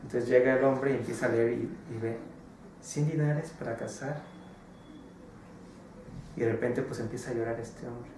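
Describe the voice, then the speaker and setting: A man's voice: medium pitch, steady tone, normal speed, long pauses, darkish tone. A man teaching a religious class, telling a story in a conversational way with many filler words and tag questions. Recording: very echoey room, voice far from the mic, faint noise.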